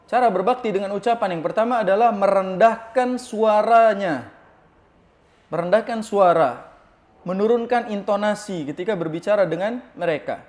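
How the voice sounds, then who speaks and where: Man, high-pitched voice, religious lecture, lively teaching tone, rhetorical questions. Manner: explains, then reads Arabic text slowly and translates. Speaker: Islamic preacher.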